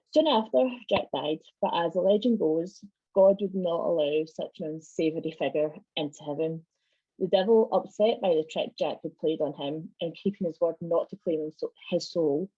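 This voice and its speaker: This Scottish woman presents on folk traditions to her club via video call, keeping it informal and sprinkling in wry jokes. She speaks fairly low with a breathy edge, in dry, slightly dull audio.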